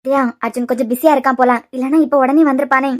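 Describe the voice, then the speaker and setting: A woman voicing a young woman doctor who gently reassures a patient, in a Kanyakumari Tamil accent. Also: sits high, steady tone, quick pace, close to an everyday voice. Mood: calming. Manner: gentle, persuasive.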